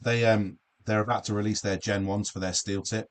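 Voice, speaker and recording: A man's voice: lowish voice, level tone, fairly quick. A man from the UK hosting a live darts stream from his home studio shed, chatty and jokey, reading out comments from viewers. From United Kingdom. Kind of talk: casual chat.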